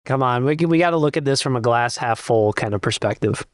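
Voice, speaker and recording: A man's voice: medium pitch, quick pace, dry recording, studio quality. A man co-hosting a podcast in casual sports chat. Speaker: podcast co-host.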